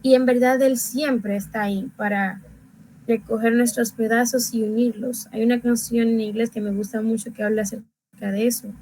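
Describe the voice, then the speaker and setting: A young woman talks through her faith in a reflective, conversational way, her voice sitting a bit higher than most. She slows to an unhurried pace when reading verses aloud. A faint hiss of background noise sits under the recording. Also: fairly even intonation, mellow, low-quality recording. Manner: reflective, reads scripture aloud slowly and deliberately. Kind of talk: casual devotional sharing.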